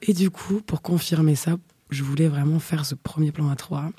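A young woman telling a frank personal story in casual chat, chatty with many fillers, often dropping into breathy half-whispers. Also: low-pitched, fairly even intonation, moderate pace, dark tone, no echo. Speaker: storyteller guest.

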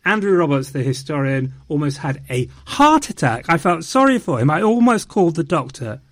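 Man, wry and theatrical, slightly high voice. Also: big pitch swings, normal speed. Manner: theatrical, wry, slips into mock French. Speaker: podcast host. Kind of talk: casual chat.

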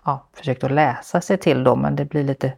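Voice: mid-range voice, steady tone, vocal fry, a little mellow. A podcast host speaking reflectively with a guest, thoughtful and hedging, with many fillers. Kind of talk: reflective interview conversation.

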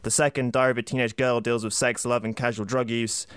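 A man's voice: medium pitch, flat delivery, fast talker, a bit bright, smooth, dry recording. A man co-hosting a podcast in casual, jokey chat, laughing often. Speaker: podcast co-host.

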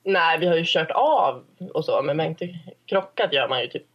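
A woman's voice: deep voice, lively intonation, husky, lo-fi sound. A 21-year-old woman from Sweden chatting easily as a podcast guest. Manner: chatty, easygoing, quick to laugh. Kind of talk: casual chat.

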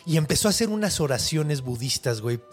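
Slangy Mexican man telling a lively story. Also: quick pace, breathy edge, soft background music. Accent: Mexican Spanish. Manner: slangy, acts out characters' lines with big pitch swings. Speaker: storyteller host. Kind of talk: casual storytelling chat.

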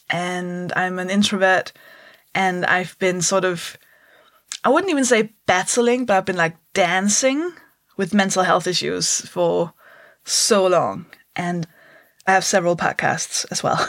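A woman's voice: fairly low pitch, a little slow, a bit bright, dry recording, studio quality. Danish woman in her thirties, candid. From Denmark. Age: 30s. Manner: candid, laughs often, mimics voices for jokes. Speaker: comedian guest. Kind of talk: casual interview chat.

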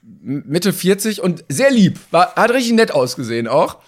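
Man, podcast co-host, casual storytelling, bouncy pitch, acts out the dialogue. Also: moderate pace. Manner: animated, acts out dialogue with shifting voices.

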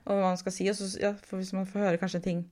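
A woman's voice: mid-range voice, little pitch movement, darkish tone. A woman chats casually as a guest. She is hesitant and agreeable, and her speech is full of fillers. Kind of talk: casual chat.

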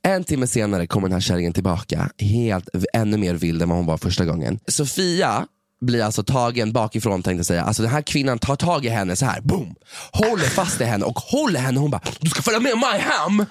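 A young man with a fairly low voice tells a gossipy story in a loose, animated way, swearing freely and acting out what people said. The sound is dry and close, with no room around it. He is co-hosting a casual chat. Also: no room sound. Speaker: podcast co-host.

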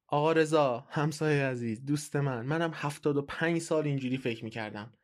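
A man's voice: a little high, lightly acted. A man voicing a stubborn 75-year-old professor who speaks earnestly and insists he is right. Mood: insistent.

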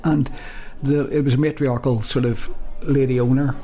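A man's voice: medium pitch, steady tone, normal speed, mellow, soft background music. A man co-hosting a podcast, chatting casually and rambling with lots of restarts. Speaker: podcast co-host. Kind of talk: casual chat.

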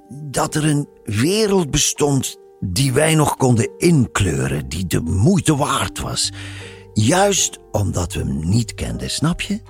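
A man's voice: lowish voice, vocal fry. A man narrating a story in a reflective, musing way. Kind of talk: scripted narration of a radio story.

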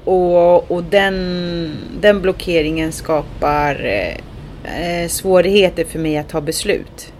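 Woman, low voice, casual chat, chatty with many fillers, faint background noise. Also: darkish tone. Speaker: guest telling her experience.

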